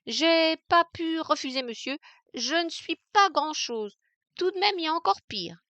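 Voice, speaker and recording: A woman's voice: very high-pitched, lively intonation, brisk, no echo, highs cut off, pitched above the performer's own voice, heavily acted. A woman voicing an insolent, mocking young chambermaid in a dry-sounding audiobook reading. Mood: defiant. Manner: brash, taunting, loud.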